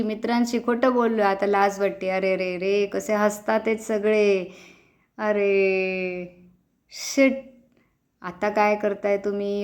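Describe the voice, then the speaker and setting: A woman leading a children's laughter yoga session, calling out encouragement with many exclamations and bursts of laughter. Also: medium pitch.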